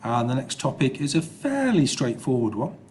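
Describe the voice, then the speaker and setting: A man's voice: medium pitch, very animated, moderate pace, a little mellow, slight background noise. A man teaching an informal recorded science lesson over slides in an explanatory manner, often checking with okay and yeah.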